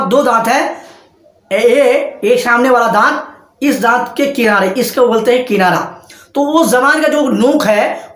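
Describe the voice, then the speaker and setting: A man teaching Arabic letter pronunciation in an online lesson, patient and repetitive, drawing out each letter sound slowly. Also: very high-pitched, fairly bright tone, roomy sound.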